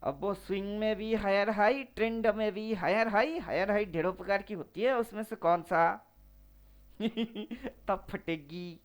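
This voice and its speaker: A man's voice: sits high, measured pace. A man teaching trading over a chart, slangy and teasing, firing off rhetorical questions.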